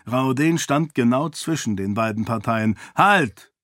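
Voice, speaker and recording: A male audiobook narrator tells the story at a slow, measured pace. His voice sits in a middle pitch. The recording is dry and close. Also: no echo. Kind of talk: scripted narration.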